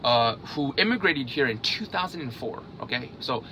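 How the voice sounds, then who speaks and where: This is a mid-range, animated, bright and forceful voice at a moderate pace, with some slight background noise. It belongs to a man in his thirties, born in South Korea and raised in Hungary, who vlogs about investing and says "okay?" after nearly every point in his casual to-camera talk.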